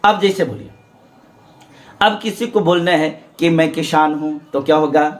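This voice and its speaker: A man's voice: fairly high pitch, normal speed. A man teaching English grammar in Hindi, explaining step by step and asking and answering his own questions. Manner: drills learners to repeat aloud.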